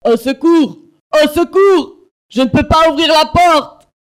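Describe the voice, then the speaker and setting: A woman's voice: fairly low pitch, steady tone, a little slow, darkish tone, lightly acted. A woman voicing a polite poor young boy. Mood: panicked. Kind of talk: storybook reading for learners.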